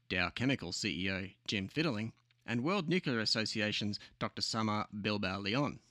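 A man's voice: on the low side, sharp tone, no echo, clean studio sound. An Australian man narrating a scripted podcast as host, sardonic and opinionated.

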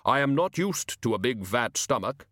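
A man's voice: medium pitch, big pitch swings, moderate pace, a bit bright, no echo, clean studio sound. A man voicing a solemn, literal-minded spirit of death in a storybook reading, formal and ponderous in manner. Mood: earnest, proud.

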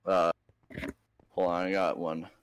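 A man chatting casually and jokingly while gaming, using softened swear words. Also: low-pitched, little pitch movement, takes it slowly, smooth. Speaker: gaming podcast co-host.

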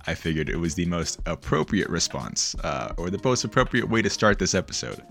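A man with a very deep voice hosts a loose podcast chat, a little buzzed from drinks. He rambles, trips over his words and laughs at himself, with faint music somewhere behind. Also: big pitch swings, a little fast, creaky, fairly bright tone. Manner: rambling, self-mocking, laughs often. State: a little tipsy. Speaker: podcast host.

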